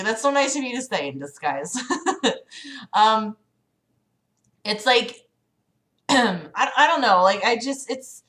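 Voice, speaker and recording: A woman hosting a livestream chats casually with her audience in a slightly high, fairly bright voice. She rambles hesitantly and pokes fun at herself.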